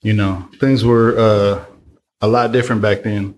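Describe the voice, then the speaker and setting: A man in his forties from Oakland, a podcast guest, talking in a slow, reflective way. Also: on the low side, fairly even intonation, darkish tone. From Oakland, California. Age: 40s. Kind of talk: casual podcast chat.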